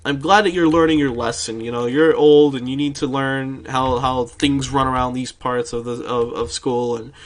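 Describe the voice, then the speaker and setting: A man putting on the voice of a female high school teacher who scolds and lectures in an indignant, over-the-top way. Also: fairly even intonation, moderate pace, few pauses, close to an everyday voice. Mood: scolding.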